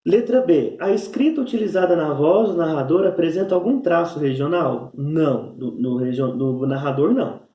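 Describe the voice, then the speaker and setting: A man's voice: a little high, moderate pace, few pauses, dark tone. A male teacher, explaining exercises in a recorded lesson, with frequent tag questions and fillers. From Minas Gerais, Brazil. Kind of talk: recorded remote lesson going over exercises. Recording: echoey room.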